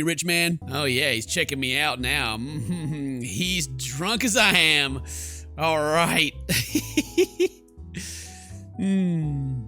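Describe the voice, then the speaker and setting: A man hosts a game playthrough, his voice pitched fairly high, strained and bright. He reads the story text out loud and tosses in playful, joking asides while game music plays behind him.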